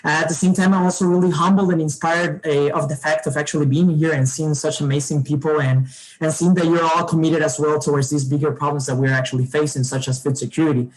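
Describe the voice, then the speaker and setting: A man's voice: on the high side, fairly even intonation, fast, low-quality recording. Earnest young man. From Honduras. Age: young adult. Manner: earnest, enthusiastic, repeats "actually" often. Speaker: panelist. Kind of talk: virtual roundtable presentation. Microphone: video call.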